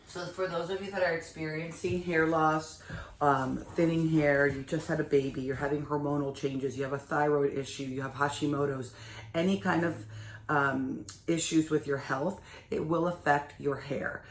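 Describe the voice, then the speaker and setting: A woman hairdresser with a slight lisp, chatting to viewers through a hair care tutorial at her salon's shampoo bowl. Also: sits low. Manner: chatty, addresses viewers as you guys. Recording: roomy echo, faint background noise.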